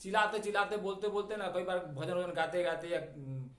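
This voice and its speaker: A middle-aged man teaching an English vocabulary lesson in a chatty, digressive way, stretching out key words slowly. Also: high-pitched, flat delivery, fairly bright tone. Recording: echoey room.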